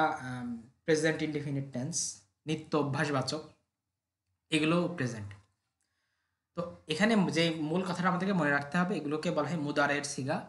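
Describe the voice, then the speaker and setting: A man teaching Arabic, patiently drilling verb forms by repeating them, often clearing his throat. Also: a little high, a bit bright. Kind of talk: recorded language lesson with drills. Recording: echoey room.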